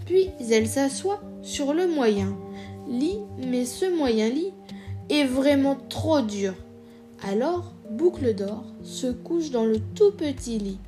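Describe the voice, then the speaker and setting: Slow, high-voiced woman reading a storybook. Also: over music. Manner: slow, clear, expressive.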